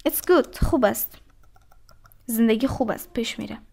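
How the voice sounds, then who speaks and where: A woman teaching an English lesson, reading English phrases slowly and then explaining each one. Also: a little high, gravelly, a little mellow. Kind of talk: language lesson.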